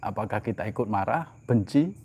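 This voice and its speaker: A man preaching a sermon. He asks rhetorical questions and answers them himself, swinging from loud, emphatic lines to soft, low asides. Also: expressive, fairly quick, slight background noise.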